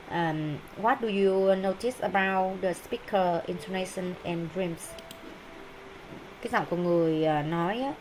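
A woman teacher walks through textbook exercises in a fairly low voice. She hesitates often and fills her pauses. Faint background noise sits under her voice. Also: darkish tone, rough recording. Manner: hesitant, many pauses and fillers. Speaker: English teacher.

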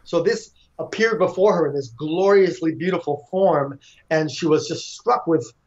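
A man's voice: fairly high pitch, normal speed. Man with a dull, lo-fi sound. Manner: relaxed, frequent fillers and restarts. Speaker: author and devotee. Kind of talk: storytelling in a conversation.

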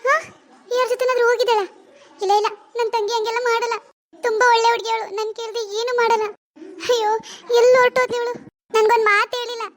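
A tearful young village wife pleads in a very high, thin voice, voiced by a woman. She talks in a fast, anxious rush. It suits a village cartoon. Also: level tone. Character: young village wife, worried about her missing sister. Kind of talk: cartoon voice acting.

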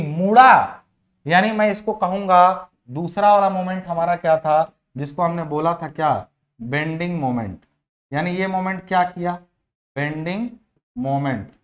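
A man teaching engineering in a chatty classroom lecture. He repeats phrases, asks his students questions and slips English technical terms into his sentences. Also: high voice. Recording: dull lo-fi recording.

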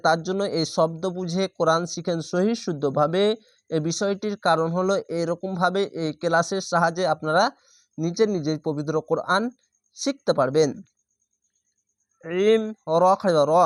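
A man teaching Quran reading, spelling letters out slowly and then chanting the drawn-out recited words. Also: a little high, no room sound, clean studio sound.

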